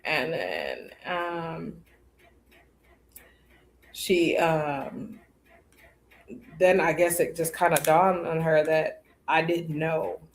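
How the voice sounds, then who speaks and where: A woman's voice: low-pitched, lively intonation, extremely slow, pauses often, slight background noise. A podcast host, a woman, telling a personal story in a rambling way, with many fillers and acted-out bits of dialogue.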